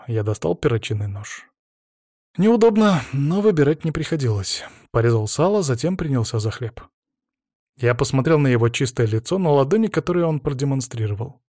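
A man narrating a story in the first person, in an expressive, varied storytelling manner. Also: mid-range voice, no echo, studio quality.

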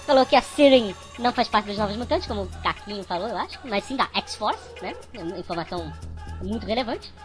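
A man co-hosting a podcast with his voice sped up like fast-forwarded tape, sounding like a chipmunk as he wryly reads listener emails. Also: high-pitched, expressive, music in the background. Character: squeaky sped-up chipmunk male host.

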